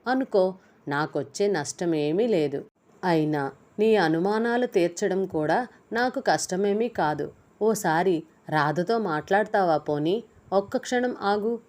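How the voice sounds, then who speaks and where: A woman's voice: lowish voice, animated, measured pace, darkish tone. A woman voicing a scheming young male kidnapper who gloats down the phone in a storybook reading. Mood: taunting. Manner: mocking, gloating over the phone.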